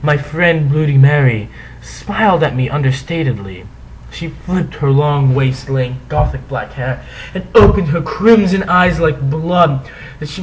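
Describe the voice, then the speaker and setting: A man's voice: on the high side, slight background noise, rough recording. A man giving a comic dramatic reading, theatrical in delivery, with sarcastic asides as he comments on the text. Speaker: reader and commentator.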